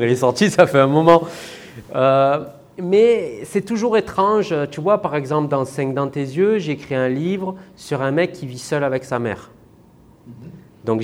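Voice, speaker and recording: A man with a Marseille accent, an author talking loosely in an interview, with many fillers and restarts. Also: medium pitch. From France. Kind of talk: casual interview talk.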